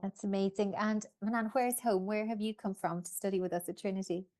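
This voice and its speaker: A woman's voice: medium pitch, steady tone, fairly quick, a little mellow. A woman admissions officer hosting an online info session, friendly and upbeat as she introduces and interviews students.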